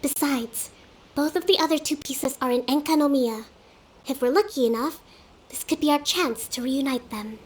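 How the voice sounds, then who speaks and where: Woman voicing a soft, serene, polite young shrine maiden, high-voiced. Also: normal speed, lightly acted, rough recording. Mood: serene, gentle. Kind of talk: video game voice acting.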